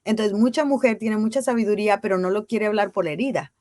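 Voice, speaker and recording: A woman's voice: medium pitch, fast talker, a little mellow, no room sound, clean studio sound. A woman, a guest in a casual interview, who talks earnestly and emphatically and uses rhetorical questions. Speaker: guest on women's ceremonial circles.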